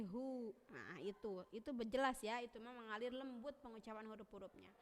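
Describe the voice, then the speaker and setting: Female teacher, patient slow letter drills, long room reverb. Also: fairly high pitch, fairly bright tone. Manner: sounds out letters slowly and repeatedly, drawn out. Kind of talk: Quran recitation lesson for children.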